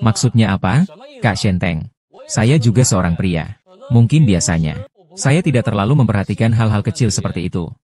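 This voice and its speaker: A man with a low, dark and mellow voice reads out a drama recap. He gives every character's lines in the same even voice.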